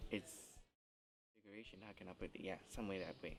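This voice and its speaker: A man's voice: sits low, fast talker, faint music behind. A young man, a musician answering interview questions and searching for words. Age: 20s.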